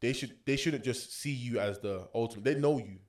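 A man's voice: medium pitch, fairly quick, a little mellow. A young man with a London roadman accent chatting casually as a podcast co-host, slangy and opinionated. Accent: London, urban roadman slang. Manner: slangy, opinionated, frequent tag questions like a street talker. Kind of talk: casual chat.

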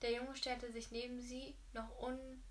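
Woman reading a story out loud, kinda high voice, trips over words and redoes them a lot. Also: flat delivery, measured pace, slight background noise. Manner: stumbling reading with frequent self-corrections. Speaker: reader. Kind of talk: reading a novel aloud.

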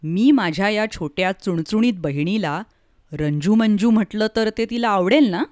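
A woman voicing a quiet, tender man. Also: medium pitch, lively intonation, normal speed, dry recording, studio quality, lightly acted. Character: gentle adult man, kind older-brother type. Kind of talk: storytelling.

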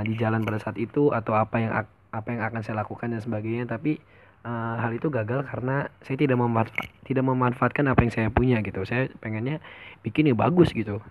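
A man's voice: lowish voice, poor audio. Young man rambling on a homemade podcast. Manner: rambling, many fillers and restarts, mixes casual and polite speech. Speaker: podcast host. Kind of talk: casual solo podcast monologue. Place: room at his parents' home. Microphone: headset mic on a phone.

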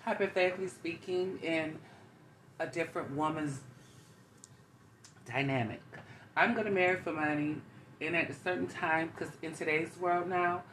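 Low-pitched woman co-host, blunt and chatty, recorded in an echoey room. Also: moderate pace, long pauses, fairly bright tone. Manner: blunt, interrupts to hold the floor. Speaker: podcast co-host. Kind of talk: casual chat. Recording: echoey room with faint ambient noise.

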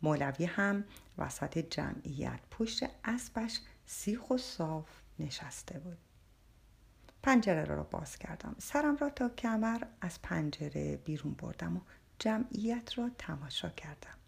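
A woman's voice: on the low side, lively intonation, gravelly. A woman narrating an audiobook in the first person, telling the story expressively.

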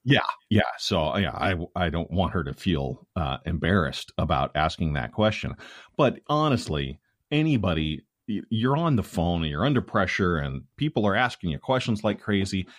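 A man's voice: deep voice, expressive, moderate pace, no room sound, studio quality. A man, a guest comedian on a podcast, rambling along in casual chat with plenty of filler sounds.

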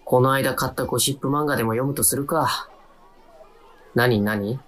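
The voice is medium-pitched, a bit bright and lightly acted, at a normal speed. It comes from an actor playing a timid young adult who narrates his own radio drama, slipping in wry, self-deprecating asides.

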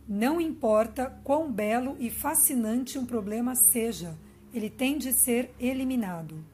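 Brazilian woman reading a measured Zen master. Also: a little high, dark tone, slight background noise, close to an everyday voice. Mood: calm authority. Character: grave, authoritative old male Zen master in a parable. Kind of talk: storytelling.

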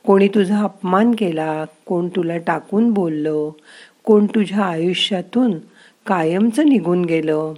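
A woman voicing the narrator's own mind as a gentle, wise inner voice that coaxes and softly scolds. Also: fairly low pitch, measured pace. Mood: gently coaxing.

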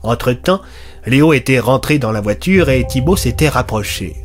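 A man reading a scripted detective story aloud with a steady, even delivery. His voice sits mid-pitch, with faint music underneath. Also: normal speed. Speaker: narrator.

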